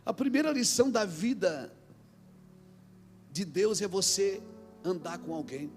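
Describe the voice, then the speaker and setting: A Brazilian pastor preaches in a very high, gravelly voice. He moves from shouted exhortation down to quiet, acted-out anecdotes. Faint music plays beneath his sermon. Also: expressive, a little slow. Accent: Brazilian Portuguese.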